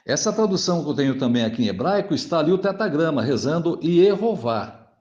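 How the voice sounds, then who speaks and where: On dull, lo-fi audio, a man speaks fast in a darkish, high-leaning voice with lively intonation. He's a Jehovah's Witness replying to a pastor in a monologue, addressing the listener formally, reading scripture aloud and often adding "né?".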